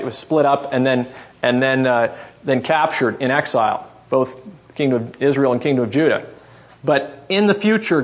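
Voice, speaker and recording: Teaching a seminary class on scripture, a male professor walks through the material one step at a time and regularly checks that his audience is following. The recording trims away the highs from his medium-pitched voice.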